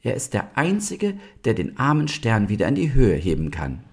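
A man's voice: mid-range voice, wildly swooping pitch, normal speed, voice pushed up, full character voice. A man voicing Ulla, a brave young doe. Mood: earnest. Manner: clear and earnest. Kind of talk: storybook reading.

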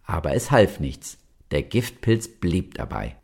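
A man reading a children's story aloud, lively and speaking directly to the children. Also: deep voice, unhurried, gravelly, breathy edge.

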